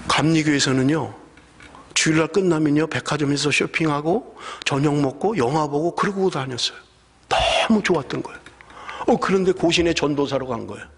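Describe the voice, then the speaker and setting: A man's voice: a little high, slightly rough. A middle-aged man from South Korea preaching a sermon as a pastor, telling personal stories and building to emphatic exhortation. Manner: animated storytelling, rising to emphatic exhortation. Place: church sanctuary. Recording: long church hall reverb.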